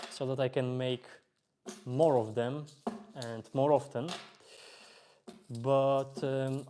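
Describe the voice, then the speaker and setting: A man's voice: medium pitch, a little hiss or hum. A young man from Poland with a Polish accent, casually chatting on a live stream while playing and reading viewer comments aloud. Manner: relaxed, chatty, reads chat aloud, hesitant fillers.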